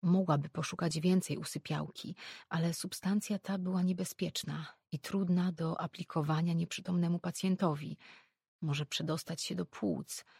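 A woman reads a novel aloud in an even, measured storybook narration. Her voice sits slightly low, with a gravelly, husky edge, recorded close and dry. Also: dry recording. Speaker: audiobook narrator.

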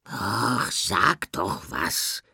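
A man voicing a grumbling, wistful male bird with claws in an audiobook, drawn out and slow. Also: on the low side, big pitch swings, vocal fry, pushed and bright, husky, dry recording, studio quality, pitched above the performer's own voice, full character voice. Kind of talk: audiobook character voice.

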